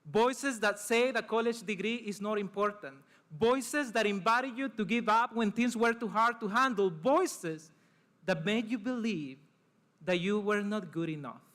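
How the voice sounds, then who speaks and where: Delivering a formal, prepared commencement address as a student, this bright, high-pitched young man is from El Salvador and speaks Spanish as his first language. His delivery is earnest and measured, with short phrases and pauses.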